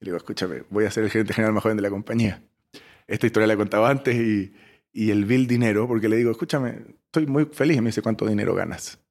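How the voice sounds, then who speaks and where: A Chilean startup founder in his forties tells stories as an interview guest, his expressive delivery swinging from loud bursts to soft asides. His voice sits fairly low and he talks quickly in this animated storytelling interview.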